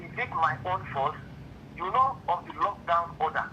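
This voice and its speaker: Give me a man on a clipped phone line, defensive and repetitive, with a high, very bright voice. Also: lively intonation, normal speed, a little hiss or hum. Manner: defensive, repeats himself, asks rhetorical questions. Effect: clipped phone line heard over a speakerphone. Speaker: official handling an impounded car. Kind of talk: phone call.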